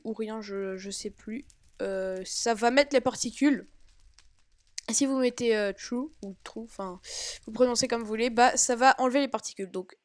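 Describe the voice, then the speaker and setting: A woman talking casually through a game tutorial on her own microphone, halting and correcting herself as she explains. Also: on the high side, no echo, studio quality. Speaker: Minecraft tutorial maker. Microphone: own home microphone.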